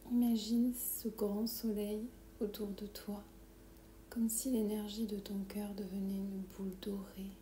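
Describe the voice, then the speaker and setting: A woman leads a guided meditation in a hushed, breathy whisper that sits right in the ear. She is unhurried and calming, with a mellow, dark tone. The recording has a roomy echo around her. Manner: slow, calming, soothing instructions. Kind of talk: guided meditation, soft whispered ASMR-like delivery. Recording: roomy echo, low background rumble noise.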